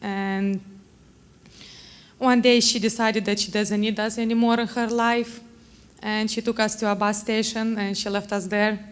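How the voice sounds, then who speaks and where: A young woman from Moldova giving a halting, earnest personal testimony in church. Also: medium pitch, little pitch movement, smooth. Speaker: testimony speaker.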